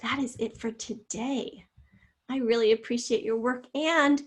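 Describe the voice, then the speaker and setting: A woman teacher giving a spelling lesson, slowly sounding out syllables and speaking encouragingly to her students. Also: fairly high pitch, fairly even intonation, husky. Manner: slow, drawn-out sounding out of words; encouraging, addresses students directly.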